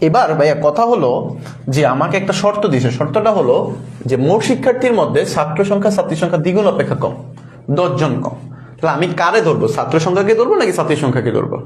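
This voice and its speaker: A man's voice: a little high, very animated, fast, a little hiss or hum. Patient man teaching math in an echoey room. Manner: patient, repeats and quizzes the class; mixes in English words. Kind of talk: online math lesson. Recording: echoey room with faint ambience.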